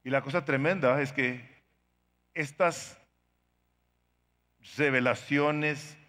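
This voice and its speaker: A middle-aged man, a pastor, preaching a sermon with pleading, dramatic swings in loudness. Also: medium pitch, big-room sound.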